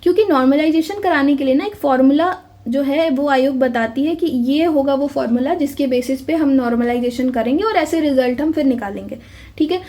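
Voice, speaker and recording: A woman's voice: high voice, fairly quick, mellow. A woman giving a casual, insistent exam-update talk to viewers, often calling them "bhai" and checking in with "theek hai".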